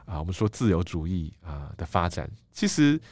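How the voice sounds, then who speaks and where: A middle-aged man with a Taiwanese Mandarin accent, speaking as an interview guest. He explains things in a measured, thoughtful way and often fills pauses with "ah". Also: deep voice, very animated, darkish tone, no room sound, studio quality. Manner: measured, thoughtful, frequent "ah" fillers. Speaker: guest, book editor-in-chief.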